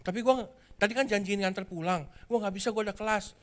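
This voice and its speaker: Preacher voicing a loud, overeager student, high and bossy. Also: male voice, fast talker, natural voice. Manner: loud, overeager, bossing his friend around. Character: loud, excitable young male student friend.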